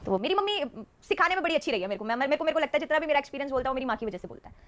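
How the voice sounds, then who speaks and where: A woman's voice: high voice, expressive, racing, fairly bright tone. A woman, a stage dancer, telling stories as a podcast guest and often laughing mid-sentence. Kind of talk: casual storytelling interview.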